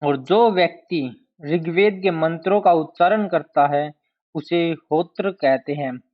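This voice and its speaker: Male teacher, fairly high voice, exam-prep lecture, drills key terms, dull lo-fi recording. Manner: slow, deliberate, repeats key terms to drill them. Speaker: history teacher. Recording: dull lo-fi sound.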